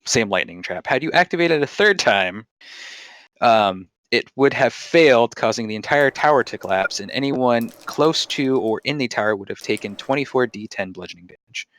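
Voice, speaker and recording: A man's voice: medium pitch, animated, normal speed, a bit bright. A man casually narrating a tabletop game as game master.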